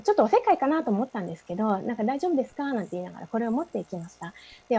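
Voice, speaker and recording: A woman giving a prepared talk to an audience, speaking softly with frequent fillers and posing questions to listeners. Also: on the high side, breathy edge.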